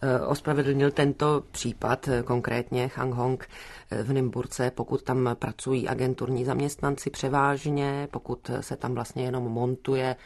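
A woman's voice: a bass voice, flat delivery, a little mellow. A woman moderating a studio debate, asking probing questions with hesitations.

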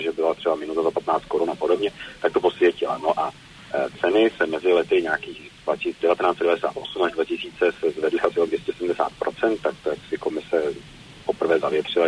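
A man's voice: low voice, a little hiss or hum, poor audio. A man speaking as a telecom regulator in a news interview, explaining at length with many hesitations and fillers.

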